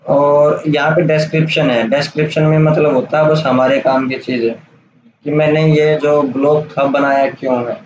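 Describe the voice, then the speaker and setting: A man giving a casual, step-by-step software tutorial over a screen recording, checking in often with the listener. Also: on the high side, little pitch movement, normal speed. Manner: casual, explains step by step with "theek hai" checks. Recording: roomy, dull lo-fi sound with faint hiss.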